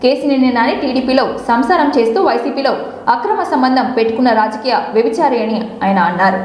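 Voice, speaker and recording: Telugu-accented female newsreader, quick pace, reverberant booth. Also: sits high, a little mellow, a little hiss or hum. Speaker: news anchor. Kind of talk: scripted news reading.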